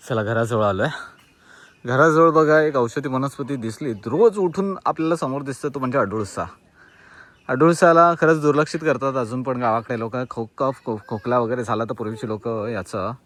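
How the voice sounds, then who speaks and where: A chatty village vlogger from Konkan, Maharashtra, speaks in a mid-range, slightly bright voice. He narrates a casual vlog, talking to his viewers as a group and asking them to leave comments.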